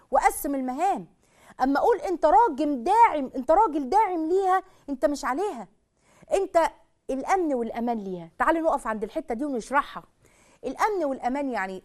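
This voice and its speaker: Woman, Egyptian accent, religious lecturer, high-pitched, very fast, animated, rhetorical questions. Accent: Egyptian Arabic. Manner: animated, rhetorical questions, addresses audience directly. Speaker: Islamic lecturer. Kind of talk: religious talk on marriage.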